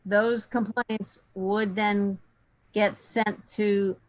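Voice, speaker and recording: A woman's voice: mid-range voice, level tone, extremely slow, low-quality recording. A woman speaking as a committee member on a conference call, inquiring and seeking clarification. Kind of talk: questioning in a conference call meeting.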